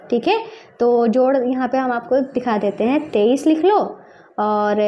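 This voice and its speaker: A woman teaching a math lesson step by step, dictating the digits slowly one at a time and asking and answering her own questions. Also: sits high, mellow.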